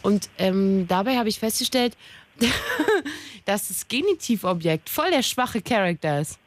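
A woman's voice: mid-range voice, sing-song, measured pace, a little hiss or hum. A woman hosting a casual radio chat, playful and teasing, rambling with lots of fillers. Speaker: radio host.

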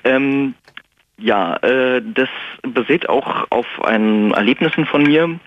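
A man's voice: mid-range voice, slow pace, dry recording, lo-fi sound. A young man calling in to a radio show, talking hesitantly with many filler sounds, then reading out his own poem. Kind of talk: casual radio call and poetry reading.

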